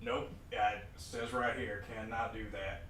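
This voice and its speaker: A man's voice: fairly low pitch, flat delivery, unhurried, a bit bright. A man joking casually as a player in a tabletop game. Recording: roomy echo, distant mic, faint noise.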